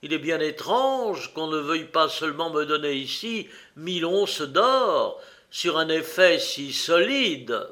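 A man voicing a hot-tempered Egyptian merchant who speaks in a loud, indignant voice. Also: a little high, lively intonation, slow pace, full character voice. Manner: indignant, raised voice.

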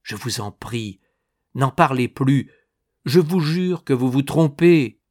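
A man reading aloud, voicing a middle-aged man who protests with impatience and then softens. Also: mid-range voice, animated, slow pace, no echo, studio quality. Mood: impatient. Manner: exasperated protests.

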